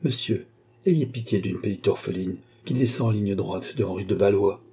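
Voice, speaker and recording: A plaintive young noblewoman of fallen birth recounts her childhood, read by a man. The tone is very dark and mellow, with a husky grain, grave and earnest in an audiobook telling. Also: lowish voice, moderate pace. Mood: sorrowful. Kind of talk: audiobook reading.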